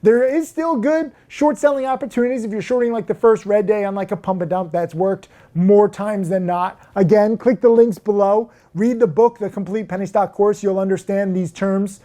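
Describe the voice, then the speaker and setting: With a high pitch at normal speed and few pauses, a stock trading instructor addresses the camera casually. He is brash and emphatic, working himself up to loudness, telling crude jokes and saying "um" and "like" a lot.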